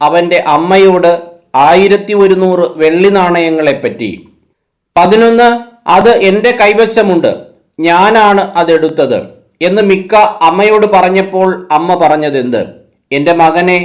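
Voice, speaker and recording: Acting as quiz host, a man reads out numbered Bible questions; he drops to a quieter, lower voice for each answer.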